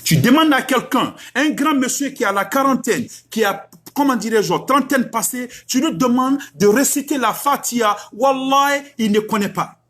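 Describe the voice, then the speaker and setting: A middle-aged preacher speaks. His husky voice sits high and leaps with lively swings of pitch. He drives his point home through repeated rhetorical questions. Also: normal speed, few pauses. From West Africa. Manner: emphatic, rhetorical questions, repeats lines for effect. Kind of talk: religious exhortation.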